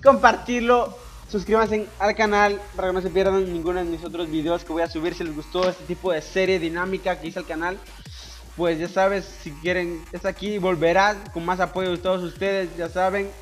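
Over gameplay and soft background music, a young man from Ecuador handles viewer questions at normal speed in a high, level voice. His casual Q&A is loud, crude and jokey, packed with swearing.

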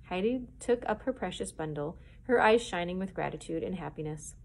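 Library lady reading a kids' chapter book out loud, clear and expressive. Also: fairly low pitch, normal speed. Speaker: children's librarian.

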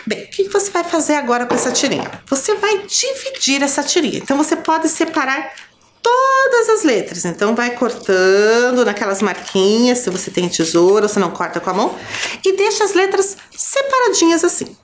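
A Brazilian woman teaching young children, her fairly high voice rising and falling in a lively sing-song way. She counts and spells slowly and clearly, over a faint hum of background noise. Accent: Brazilian Portuguese. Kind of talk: children's lesson on a school TV channel.

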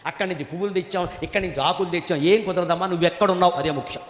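A man's voice: high voice, racing. An older man giving a spiritual discourse, joking, mimicking everyday people and chanting Sanskrit verses. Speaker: spiritual speaker. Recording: echoey hall with long reverb.

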